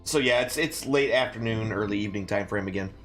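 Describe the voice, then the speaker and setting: A man narrating a tabletop game as game master, improvising in a casual, halting way. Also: on the low side, faint music behind.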